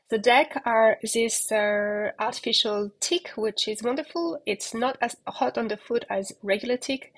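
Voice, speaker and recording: A woman giving a relaxed, chatty walking tour of a catamaran, talking outdoors on deck into a handheld phone camera, with plenty of fillers. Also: fairly high pitch, creaky, slightly rough. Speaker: yacht broker giving a boat tour.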